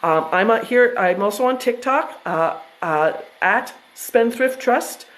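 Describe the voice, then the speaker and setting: A woman's voice: on the high side, lively intonation, takes it slowly, rough recording. An American woman in her fifties giving a casual presentation on trusts, chatty and full of fillers and restarts. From United States. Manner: chatty, self-interrupting, with frequent fillers and restarts. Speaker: trust educator presenting to investors.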